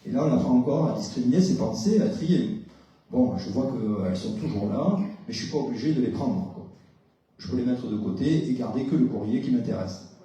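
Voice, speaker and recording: Very dark-voiced man lecturing in an echoey hall. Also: mid-range voice, expressive, fairly quick, slight background noise. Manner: explanatory, questions the audience, many hesitations. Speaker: psychologist giving a talk. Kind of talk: conference talk with audience exchange. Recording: very echoey hall, distant mic.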